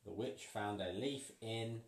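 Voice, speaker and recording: A man reading a picture book aloud to a child, playful and pausing so the child can finish sentences. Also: lowish voice. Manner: playful, pauses for the child to fill in words. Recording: roomy, from a distance.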